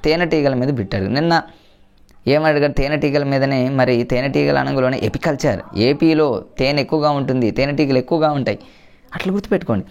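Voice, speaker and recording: A man runs through exam-prep memory tricks at a brisk clip. His voice sits at an ordinary middle pitch, and he keeps the tone chatty, calling his viewers friends as he goes. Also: creaky, a little mellow. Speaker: exam coaching teacher.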